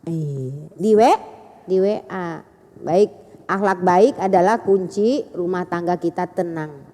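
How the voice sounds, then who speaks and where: A woman preacher, giving a chatty, animated sermon to women and acting out dialogue. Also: fairly low pitch, takes it slowly, in a large hall. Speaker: Islamic preacher.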